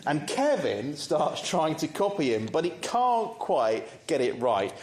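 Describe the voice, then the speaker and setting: Slow, measured preacher in an echoey church. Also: male voice, a little high, very animated. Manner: measured, conversational, posing reflective questions. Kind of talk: sermon.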